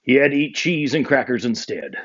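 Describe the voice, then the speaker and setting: A man reading a children's storybook aloud with expressive narration, on a muffled lo-fi recording. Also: mid-range voice, a little fast, breathy edge. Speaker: storybook reader.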